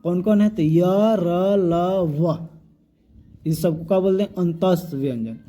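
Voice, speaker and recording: Teacher with a dark, voice. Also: male voice, high-pitched, slow pace. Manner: repetitive call-and-response questioning, drills sounds aloud. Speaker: grammar teacher. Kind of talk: classroom lesson.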